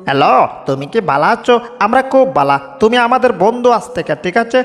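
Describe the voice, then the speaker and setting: A man voicing small, greedy baby birds in a homemade cartoon dub, squeaky and excited. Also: fast, soft background music. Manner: squeaky, excited, munching noises. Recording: long reverb, echoey room.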